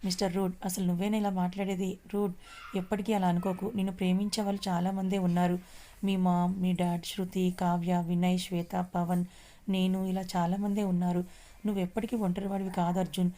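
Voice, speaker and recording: A woman's voice: lowish voice, little pitch movement, brisk, dark tone, lightly acted. A woman reading the part of a caring young woman who comforts the hero, in a story. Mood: comforting.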